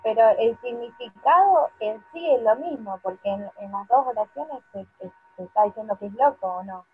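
A woman student asking short questions and quickly agreeing during a lecture. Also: fairly high pitch, lively intonation, narrow, tinny audio, soft background music.

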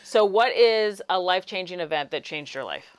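Woman podcast host, 40s, smooth low-ish voice, chatty interviewer. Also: animated. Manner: chatty, quick to react and ask follow-ups. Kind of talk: casual interview. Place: small studio set with armchairs.

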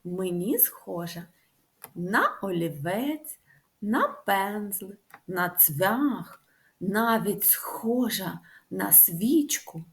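A woman speech therapist giving a lively, sing-song lesson to young children, stretching out the vowel sounds. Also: medium pitch, very slow.

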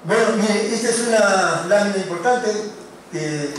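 A male lecturer teaching a class, who often stops on fillers and keeps checking in with quick tag questions. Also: high-pitched, a little hiss or hum. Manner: hesitant, with many fillers and restarts. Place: lecture room. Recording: very echoey room, mic far off.

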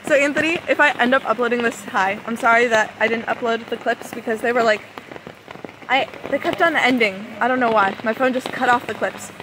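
A woman's voice: a little high, brisk, background noise. A young woman chatting casually to a vlog, raising her voice to be heard over heavy rain drumming on her umbrella, recorded outdoors on a phone. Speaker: vlogger. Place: outdoors at a campsite under an umbrella in pouring rain. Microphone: phone at arm's length, close to face.

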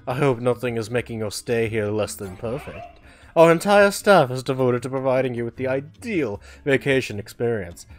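A man's voice: medium pitch, lively intonation, moderate pace, faint music behind, voice pushed up, lightly acted. A man reading as a polite hotel staffer. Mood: formal. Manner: formal, courteous service talk.

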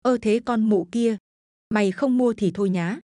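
A woman's voice: on the high side, normal speed, dark tone, no room sound, close to an everyday voice. A spiteful, foul-mouthed village wife snaps bitterly at her mother-in-law, as a woman storyteller plays her. Dry, close recording. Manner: bitter, snapping.

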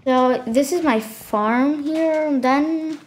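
A woman's voice: high-pitched, slow pace. A woman hosting a gaming channel, giving a casual tour of her game world and stopping often with fillers and self-corrections.

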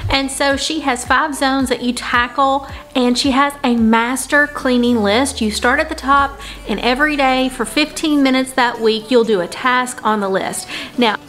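A woman's voice: high-pitched, normal speed, fairly bright tone. A woman in her forties hosting a home cleaning vlog, explaining her routine in a friendly, conversational way, step by step. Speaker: host of a home cleaning channel. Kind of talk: casual chatty vlog talk and tips.

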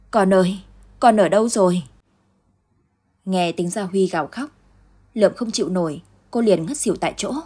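Husky-voiced woman storyteller. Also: fairly low pitch. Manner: steady, measured reading. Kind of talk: scripted late-night story narration.

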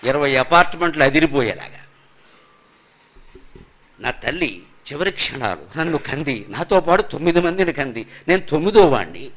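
Older male religious speaker, emphatic and preaching, fairly high bright voice, slips into verse chanting. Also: a little hiss or hum. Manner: emphatic, rhetorical questions, chants verses and divine names. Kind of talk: spiritual discourse with chanted Sanskrit verses.

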